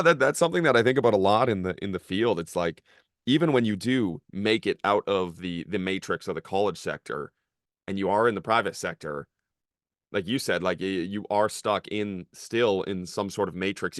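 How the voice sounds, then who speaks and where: A young man hosting a podcast, talking casually in a rambling way full of fillers and swearing, and getting animated as he goes. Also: sits low, fairly quick, dry recording, clean studio sound. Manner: rambling, filler-heavy, profane, gets animated. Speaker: podcast host, former college strength coach.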